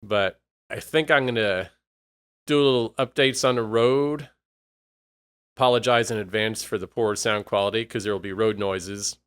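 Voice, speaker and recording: A man's voice: fairly low pitch, fairly even intonation, normal speed, fairly bright tone, clean tone. A man talking alone in a casual, rambling, reflective way, with many fillers and restarts, his voice a bit worn. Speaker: podcast host. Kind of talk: casual solo monologue.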